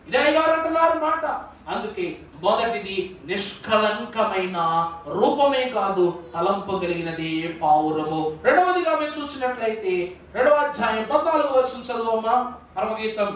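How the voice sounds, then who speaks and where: A pastor delivers a Sunday sermon in a strikingly high voice, firing rhetorical questions at his congregation and asking whether they understand. He is picked up from a distance in a big church hall with heavy echo and a faint hiss behind him. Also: animated, normal speed, fairly bright tone. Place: church service. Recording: echoey church hall from far off.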